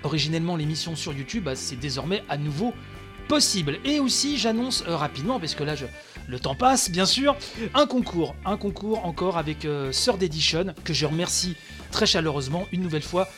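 A man's voice: a little high, expressive, a little fast, fairly bright tone, faint music behind. A man hosting a solo podcast, talking through news in a chatty way, with many fillers while reading and quoting an article. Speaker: podcast host.

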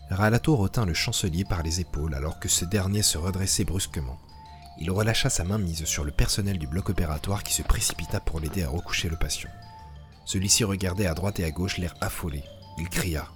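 A man narrating a science-fiction audio drama in a measured, even way. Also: low-pitched, soft background music.

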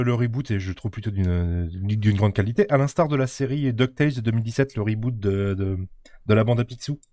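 A man co-hosting a podcast review, still a bit sick with a slight cough, steady run-on delivery. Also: fairly low pitch, no echo, studio quality. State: recovering from illness, slight cough. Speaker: podcast co-host. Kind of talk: casual review chat.

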